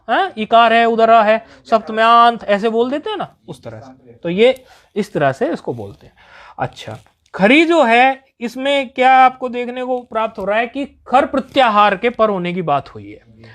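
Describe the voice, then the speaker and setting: A man's voice: extremely high pitch, big pitch swings, normal speed, a bit bright. Patient man teaching Sanskrit grammar. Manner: patient, repeats each point and checks understanding. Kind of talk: explanatory grammar lesson.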